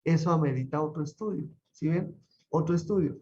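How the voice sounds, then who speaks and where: A man with a mellow, slightly high voice teaches an online Bible class. He talks conversationally and keeps checking in with his students through questions. The audio is muffled. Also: a little fast, a little hiss or hum. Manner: conversational, asks the class frequent rhetorical questions.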